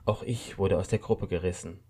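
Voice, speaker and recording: The male voice sits low, husky and a little mellow, with a steady tone at normal speed. It voices a stern, red-haired, armed rebel woman of roughly thirty who has the upper hand, delivering firm, cool, snippy commands.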